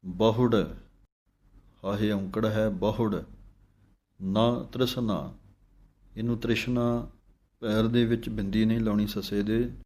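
A man teaching careful recitation of scripture, chanting verses slowly with a melodic lilt and then explaining pronunciation points. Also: on the low side, level tone, mellow.

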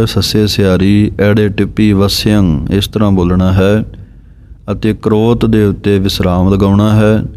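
A man giving a pronunciation lesson on scripture, reciting verses slowly and deliberately and spelling out letters and vowel marks. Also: lowish voice, a little mellow, a little hiss or hum.

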